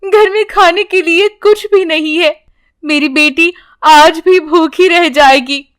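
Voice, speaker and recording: A woman's voice: high voice, measured pace, a bit bright, voice pushed up. A woman doing a poor pleading mother. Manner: pleading, tearful. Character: poor, frightened young mother. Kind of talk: storybook character voice.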